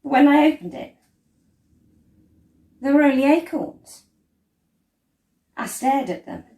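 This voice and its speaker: A female storyteller reads a picture book aloud in an unhurried, expressive way, her delivery measured and deliberate with dramatic emphasis and pauses. Her pitch is mid-range. The indoor recording is roomy and echoey.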